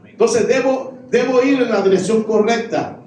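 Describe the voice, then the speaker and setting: A man's voice: very high voice, normal speed, darkish tone, a little hiss or hum. A middle-aged man, a pastor, preaching a sermon with repeated refrains. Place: church sanctuary. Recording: echoey church, voice from far off.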